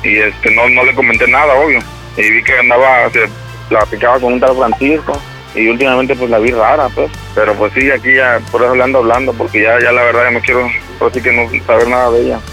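Over soft background music, a prank-calling radio host, a Mexican man, acts the part of an angry husband while stumbling, hesitating, and starting over again and again. His voice sits at medium pitch with little pitch movement and a bright, forceful tone.

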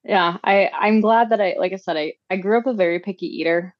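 A woman from Minnesota, a podcast guest, talking in a chatty, halting way with many restarts and fillers. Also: mid-range voice, no room sound, dull audio. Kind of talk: casual chat.

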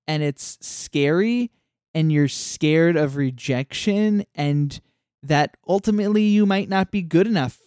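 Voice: medium pitch, unhurried, darkish tone, clean tone, dry recording, clean studio sound. A podcast co-host casually recapping a cartoon episode, rambling with lots of "like" and acting out quoted lines. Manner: rambling, many "like" fillers.

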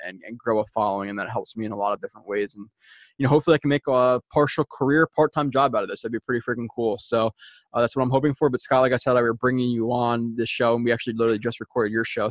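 A man's voice: medium pitch, no echo. A young man hosting a sports podcast in a casual, rambling, informal and mildly salty way. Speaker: podcast host.

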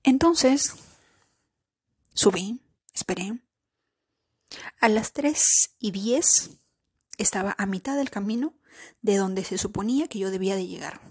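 A woman's voice: medium pitch, lively intonation, takes it slowly, long pauses, darkish tone, breathy edge, no room sound, studio quality. A woman in her thirties hosting a podcast, telling a personal story in a chatty way, speaking straight to her listeners and repeating words as she searches for them. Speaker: podcast host.

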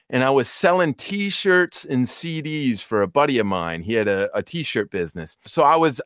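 A man in his thirties co-hosting a casual music chat, telling stories excitably and acting out the dialogue. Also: mid-range voice, no room sound, studio quality. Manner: excitable, acts out dialogue in quotes. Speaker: podcast co-host. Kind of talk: casual chat, animated storytelling.

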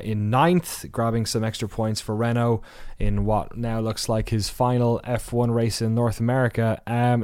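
A man's voice: mid-range voice, a little mellow, smooth, no room sound, studio quality. A man hosting a podcast, giving a casual race recap with wry asides, rambling through many fillers and restarts. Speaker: podcast host.

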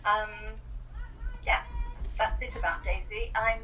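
A woman in her sixties from New Zealand, an author chatting as a guest with a lively, self-deprecating way of telling stories. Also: medium pitch, takes it slowly. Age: 60s. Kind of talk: casual interview chat. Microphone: remote video call. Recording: distant call audio with faint noise.

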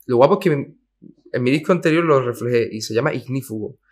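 A man's voice: medium pitch, fast talker. A man from Cádiz, a singer-songwriter guest talking casually and emphatically in an interview, full of slang and mild swearing. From Cádiz, Spain.

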